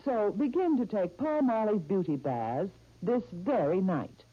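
A woman's voice: very animated, measured pace. Woman's coaxing soap ad on old radio. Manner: coaxing, intimate sales pitch. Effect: old radio broadcast sound. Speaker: commercial announcer. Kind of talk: 1930s radio soap commercial. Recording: dull old radio recording.

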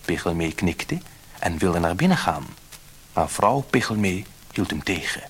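A man narrating a children's storybook in a lively, expressive way. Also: deep voice, unhurried, slight background noise.

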